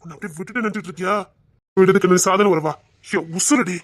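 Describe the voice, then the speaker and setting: A man's voice: sits high, fast, close to an everyday voice. A young man acting a devoted lover who soothes and reassures his frightened partner in a romantic drama. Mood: reassuring. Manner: tender, soothing, insistent.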